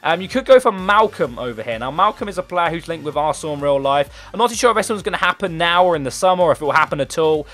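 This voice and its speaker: With barely a pause, he races through his chat about football players for his gaming channel, his voice highish, a bit bright, and lively in intonation. His throat is sore, the tone enthusiastic and rambling, and soft music plays in the background.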